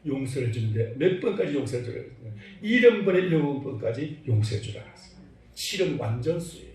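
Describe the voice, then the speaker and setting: A male pastor preaching a sermon in a church, animated, acting out little dialogues and putting questions to the congregation. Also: mid-range voice, a little fast. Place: church sanctuary. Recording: very echoey hall, mic far off.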